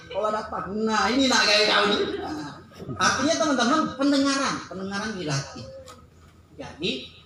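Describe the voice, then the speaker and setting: A man's voice: high voice, very echoey, background noise. A man giving a workshop talk to an audience, acting out little dialogues in playful voices. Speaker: workshop presenter. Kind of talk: lively seminar talk.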